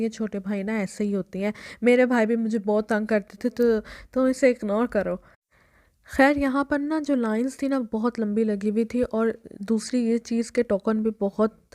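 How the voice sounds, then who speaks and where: A woman's voice: medium pitch, dark tone. A young woman, chatting and rambling through a casual vlog story. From Pakistan. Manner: chatty, rambling, keeps restarting with "anyway". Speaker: vlogger.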